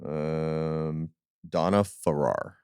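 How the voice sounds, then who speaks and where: A man hosts a podcast in a loose, enthusiastic way, full of casual fillers. His voice is extremely deep and smooth. The sound is dry and close to the mic. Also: fairly even intonation, extremely slow, darkish tone, no room sound. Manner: easygoing, enthusiastic, lots of fillers. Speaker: podcast host. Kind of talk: casual interview chat.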